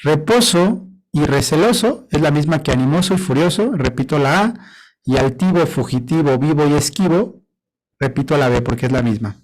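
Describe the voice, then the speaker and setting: A man's voice: fairly high pitch, expressive, moderate pace, a little mellow, poor audio. A male teacher giving a lesson on poetry, patiently counting syllables aloud and checking with his class.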